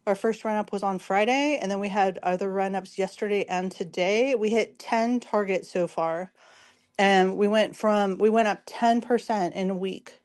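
Hoarse woman hosting a casual talk show. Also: medium pitch, moderate pace, darkish tone. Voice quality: hoarse, strained voice. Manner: informal, explanatory, addresses listeners directly. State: hoarse, losing her voice. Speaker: show host. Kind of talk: casual market commentary.

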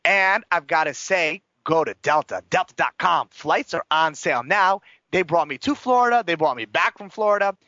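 High, animated man hosting chatty radio. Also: moderate pace, no echo, muffled recording. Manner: chatty, emphatic, gossipy, folksy slang. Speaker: talk show host. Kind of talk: casual radio entertainment chat.

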